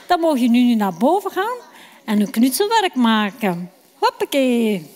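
A woman telling a Bible story to children in an expressive, questioning way. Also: fairly high pitch, measured pace. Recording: reverberant hall.

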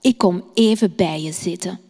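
A woman voicing a gentle, reassuring father who comforts his son in a children's storybook tale. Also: on the low side, normal speed, in a large hall, voice pushed down. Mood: soothing. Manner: soothing, reassuring. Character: gentle caring father, a former king.

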